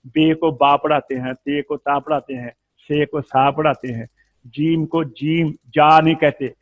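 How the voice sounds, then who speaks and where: A man's voice: a little high, steady tone, unhurried, no echo, phone-quality sound. A man teaching Quran recitation in an explanatory lesson, patiently drawing out vowel sounds to demonstrate them.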